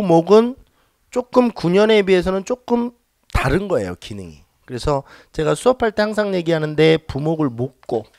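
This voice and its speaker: A man lectures a classroom of exam students, his somewhat high voice bouncing animatedly from point to point. He teases the class for forgetting basics, then has them chant lists back at him loudly. The sound is close and dry, with no room echo. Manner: leads students in loud call-and-response drills; teasing, talks down to students jokingly. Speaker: civil service exam history lecturer.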